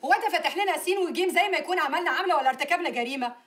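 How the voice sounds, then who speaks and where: A woman's voice: extremely high pitch, expressive, racing, a bit bright. An actress playing a combative, sarcastic sister who talks back to her brother-in-law. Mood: defiant. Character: bold, mouthy sister who stands up for her.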